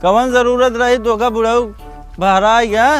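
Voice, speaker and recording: A man's voice: extremely high pitch, steady tone, normal speed, soft background music. A man playing a drunk village son in a rural comedy sketch, slurred and rambling, repeating himself in a Bhojpuri accent. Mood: pestering.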